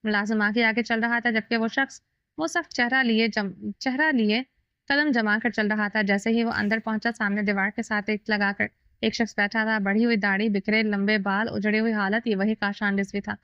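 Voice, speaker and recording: A woman reading a romantic novel aloud as narrator, with a steady, even storytelling delivery. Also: medium pitch, normal speed, clear, resonant tone, no room sound. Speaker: audiobook narrator. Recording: dull lo-fi dry recording.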